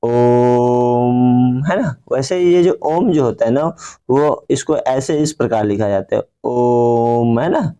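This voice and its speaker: A man with a mellow, dark voice at an ordinary pitch teaches a grammar class. He drills each point by asking questions and answering them himself. He stretches out example words in a slow chant. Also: highs cut off. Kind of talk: grammar lesson.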